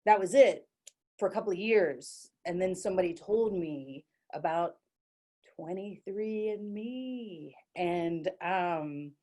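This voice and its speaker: With a lowish, mellow voice and lively intonation, this Dallas-born middle-aged woman takes her time telling a comic story about herself on stage. She performs solo, chatty and self-mocking, often restarting and saying "like" throughout the monologue.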